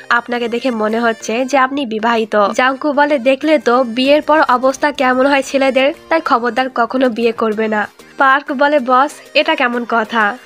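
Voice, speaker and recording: High-voiced woman narrating a drama recap. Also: fairly bright tone. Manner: retells the story, voicing every character's lines in her own voice. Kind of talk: scripted story narration. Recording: faint music behind.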